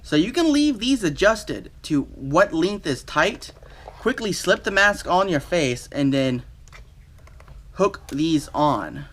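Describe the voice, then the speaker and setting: A man giving a casual, unscripted product review in a halting, think-aloud way. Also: fairly high pitch, very animated, a bit bright.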